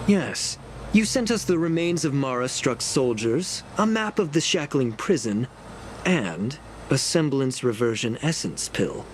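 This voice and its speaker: A man voicing a proud, bitter elder preceptor in a video game, with formal, measured, sardonic speech. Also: medium pitch, expressive, a little hiss or hum, close to an everyday voice. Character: proud, bitter elder preceptor scheming for his dwindling clan. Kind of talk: scripted video game dialogue. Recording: game audio with music behind.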